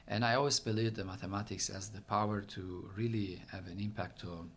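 In an interview, an Italian researcher who directs a center explains his work in a thick accent, with many fillers and restarts. His voice is lowish and fairly bright, with fairly even intonation and a slightly fast pace, and faint noise sits in the background.

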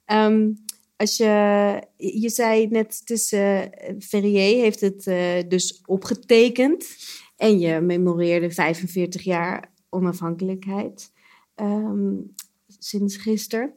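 A female talk show host interviewing a guest. She speaks slowly and hesitantly, with plenty of pauses and fillers. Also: medium pitch, fairly even intonation, darkish tone. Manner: slow, hesitant, with many fillers. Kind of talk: radio interview.

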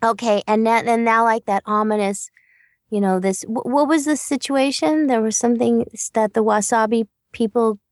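Woman voice-over coach giving audition notes, kinda high voice, dry close sound. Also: fairly even intonation, normal speed, no room sound. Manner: encouraging, coaching with questions. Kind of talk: audition feedback on a podcast.

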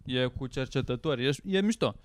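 Guy with a smooth, slightly high voice, dry close sound, blunt podcast chat. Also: animated, dry recording. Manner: blunt, curious, swearing. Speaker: podcast co-host. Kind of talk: casual chat.

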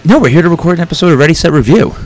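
A man's voice: a little high, expressive, racing, darkish tone, faint music behind. A man hosting a podcast in a studio, talking in a wry, teasing way. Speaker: podcast co-host. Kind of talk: casual chat.

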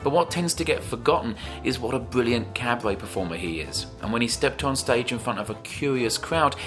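A man hosting a podcast with scripted narration, presenting as a performer himself. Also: on the low side. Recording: music behind the voice.

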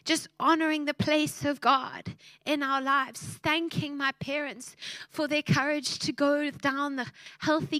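High-voiced woman preaching. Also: sharp tone, no echo. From South Africa. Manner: heartfelt, emotional storytelling. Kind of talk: sermon.

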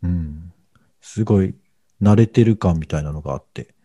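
Brief: middle-aged male podcast co-host, dark mellow tone, rambling and unhurried. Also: low voice, breathy edge, no echo. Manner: hesitant, rambling with many fillers. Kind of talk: casual podcast chat.

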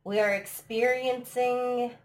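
An American woman hosts a casual live stream podcast from her home abroad, chatting and laughing often. Her voice is fairly high, steady and slow, a little throaty from allergies.

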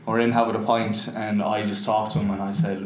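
A man's voice: lowish voice, level tone, fast. A man in his twenties with a west of Ireland accent, talking casually as an interview guest. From Galway, Ireland. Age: 20s. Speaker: interview guest, business co-founder. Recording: echoey room, faint background noise.

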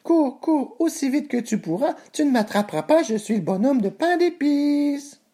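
A man voicing a tiny, cheeky, boastful gingerbread boy in a squeaky, taunting sing-song for a storybook reading. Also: big pitch swings, normal speed, mellow, full character voice.

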